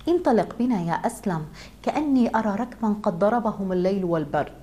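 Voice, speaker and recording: A gentle, earnest caliph of old in a storybook tale, humble and devout, as a woman storyteller reads his words. The voice sits at an ordinary middle pitch and stays close to the narrator's own. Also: animated, quick pace, a little hiss or hum, close to an everyday voice.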